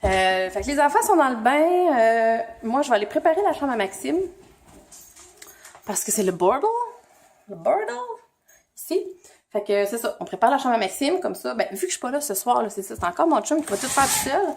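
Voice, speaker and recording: A woman's voice: on the high side, lively intonation, fast. A young woman with a Québécois French accent, a mother chatting casually to her vlog audience at home, rambling with lots of fillers and self-corrections. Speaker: mother and family vlogger. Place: family home indoors.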